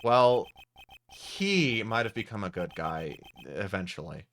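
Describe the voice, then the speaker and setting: A man voicing a calm, level-headed adult male defense lawyer in a fan voice-over of a game. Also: fairly low pitch, unhurried, a little hiss or hum, pitched below the performer's own voice, exaggerated voice.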